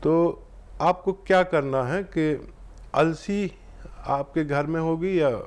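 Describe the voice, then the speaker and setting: A man hosting a phone-in health show, calmly and reassuringly explaining herbal remedies to callers step by step. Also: a little high, slow. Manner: calm, reassuring, instructive.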